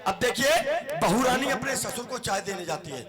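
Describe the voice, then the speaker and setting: A man on stage as a singer and comic host, joking playfully with the audience at a devotional night, over loud live music. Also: extremely high pitch, lively intonation, normal speed. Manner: playful, teasing, addresses the crowd as devotees. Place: outdoor stage at a village event.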